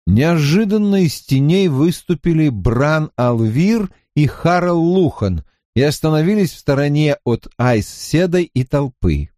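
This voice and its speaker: A man narrating a fantasy novel as an audiobook in an expressive storytelling manner. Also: medium pitch, dry recording, clean studio sound.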